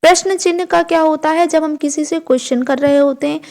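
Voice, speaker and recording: Speaking a little fast in a high voice with a darkish tone, a young woman takes exam students through an online grammar lesson one step at a time. She asks herself questions and then answers them, blending English words into what she says.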